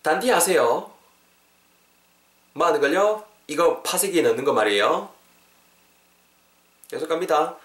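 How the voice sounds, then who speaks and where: A man hosting a podcast English lesson, explaining phrases and drilling them slowly and repeatedly for learners. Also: on the high side, fairly bright tone, reverberant. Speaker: English teacher, podcast host.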